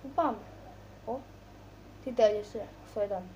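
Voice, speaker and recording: A woman's voice: mid-range voice, warm tone, slight background noise. A woman casually commentating on her gameplay with a mocking, joking running commentary. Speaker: gamer. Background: game sounds.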